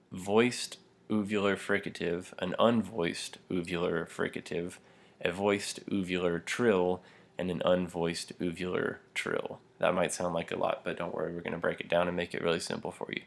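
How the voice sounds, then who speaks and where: A man's voice: low voice, gravelly. A young adult man teaching a pronunciation lesson, explaining step by step with frequent fillers and small laughs while demonstrating throat sounds. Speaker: language teacher.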